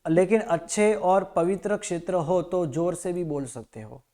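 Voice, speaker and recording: A man teaching a Jain prayer in Hindi, pronouncing each syllable slowly and correcting common mistakes. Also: high voice, animated, dark tone. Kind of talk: slow recitation lesson.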